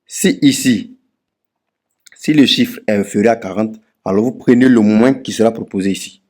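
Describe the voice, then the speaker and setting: A man's voice: on the low side, moderate pace, darkish tone. A man with an Ivorian French accent who gives a casual step-by-step tutorial and keeps repeating key points for emphasis. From Ivory Coast. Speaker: betting tips YouTuber. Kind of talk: casual screen-walkthrough tutorial.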